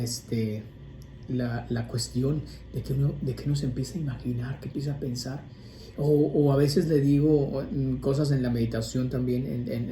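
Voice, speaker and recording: Mellow-voiced priest preaching in an echoey room. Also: male voice, mid-range voice. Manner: conversational, rambling with restarts and asides. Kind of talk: informal sermon on prayer. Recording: echoey room with faint ambient noise.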